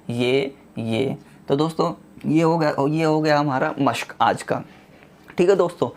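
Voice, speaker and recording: A man teaching the Urdu alphabet to his viewers, reciting each letter slowly and patiently and addressing them as friends. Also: mid-range voice, a little mellow. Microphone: small clip-on mic.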